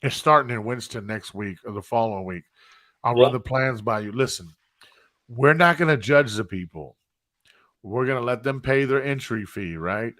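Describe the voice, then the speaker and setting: A man hosts a live-streamed podcast in a loose, talkative way, jumping in and doubling back on his words with lively energy. His voice sits mid-range and the sound is dry and close, with no room around it. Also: medium pitch, moderate pace, no room sound. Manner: animated, interrupts and repeats himself. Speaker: podcast host. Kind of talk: casual chat.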